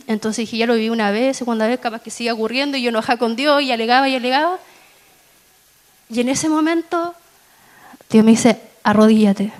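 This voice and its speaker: A woman giving a testimony in a church sermon, telling her story slowly and with feeling, dropping soft and then rising in bursts. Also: rough recording. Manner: slow, emotional storytelling with soft low passages and sudden raised peaks.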